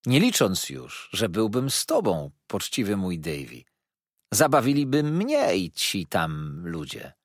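A man reading an audiobook voices a confident young gentleman with a cool, dismissive manner. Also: lowish voice, wildly swooping pitch, unhurried, dry recording, clean studio sound, heavily acted.

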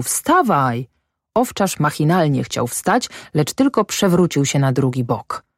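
Low-voiced woman narrating. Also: a little mellow, dry recording, studio quality. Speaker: audiobook narrator. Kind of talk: scripted literary narration.

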